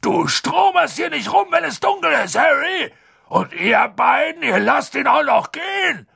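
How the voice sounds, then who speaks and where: A man voicing a huge, drunk and gloomy half-giant gamekeeper with slow, slurred speech. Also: lowish voice, lively intonation, creaky, bright, forceful tone, husky, no room sound, clean studio sound, full character voice. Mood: angry shouting.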